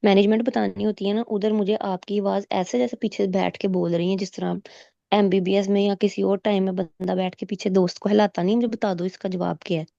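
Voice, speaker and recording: A woman tells her story in lively casual speech, acting out what the examiners and she herself said. Her voice is mellow and darkish. The video call sounds dull, lo-fi and dry. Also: medium pitch, fairly quick, gravelly, no room sound. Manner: animated retelling, quoting examiners and herself; mixes English medical terms into her talk. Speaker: exam candidate sharing her experience. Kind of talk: casual storytelling in a recorded meet.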